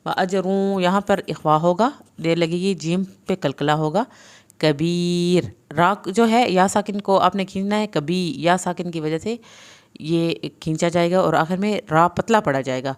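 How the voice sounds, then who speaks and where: A woman teaching Quran recitation. She recites slowly, then explains each sound patiently, step by step. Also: on the low side. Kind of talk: tajweed lesson, slow chanted recitation then spoken explanation.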